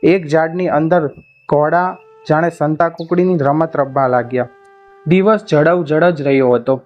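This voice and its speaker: A man telling a folk tale as a steady storytelling narration. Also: a little high, a little slow. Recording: muffled with faint music behind.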